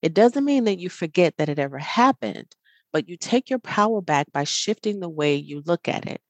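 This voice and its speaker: Low-voiced woman giving gentle self-help talk. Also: lively intonation, normal speed, dry recording. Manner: earnest, encouraging, addresses the listener directly; smiling as she speaks. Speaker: podcast host. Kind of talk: reflective self-help monologue.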